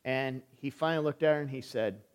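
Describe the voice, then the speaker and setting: A man's voice: mid-range voice, fairly quick. A man preaching a sermon in a church as an elder, telling stories and acting out family conversations. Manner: storytelling, acts out family dialogue.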